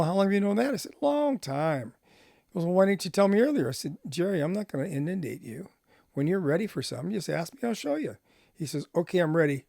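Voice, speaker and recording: A man's voice: fairly high pitch, creaky, a little mellow, dry recording, clean studio sound. A middle-aged man telling a personal testimony story, acting out both sides of old conversations. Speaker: ministry speaker.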